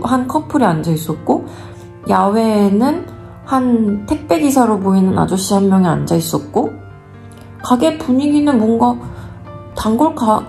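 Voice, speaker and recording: A woman from Korea telling a personal story in an animated way, acting out the dialogue. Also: mid-range voice, vocal fry. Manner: animated, acts out dialogue in quotes. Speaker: vlogger.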